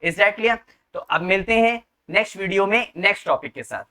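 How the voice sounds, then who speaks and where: Male chemistry tutor, bright forward voice, drills students with quick questions. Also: sits high, expressive, creaky. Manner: repeats "ठीक है" and quizzes the viewer with questions; slows down to read English lines word by word. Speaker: chemistry teacher. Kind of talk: classroom-style lecture.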